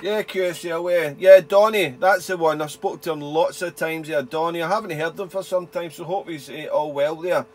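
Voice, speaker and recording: A man's voice: a little high, fairly even intonation, moderate pace, hardly any pauses. A man from Wales chatting casually as an amateur radio operator, repeating himself and using call signs and phonetic spelling. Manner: chatty, repeats himself, tags sentences with "there". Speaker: amateur radio operator and hobby video maker. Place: indoors at a radio desk.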